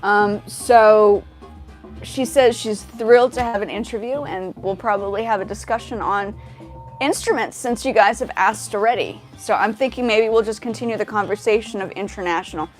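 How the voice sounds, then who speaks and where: A woman's voice: medium pitch, moderate pace, soft background music. A woman from Indonesia hosting a casual livestream on a headset mic, chatting and greeting viewers by name. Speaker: livestream host.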